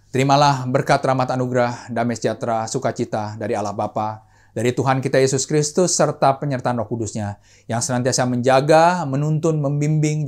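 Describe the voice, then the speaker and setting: A medium-pitched male pastor delivers a sermon and prayer, preaching animatedly with rising emphasis and often adding "saudaraku" and "gitu." He then leads a softer, steady prayer, repeating "Tuhan" and frequently calling out to his listeners and to God.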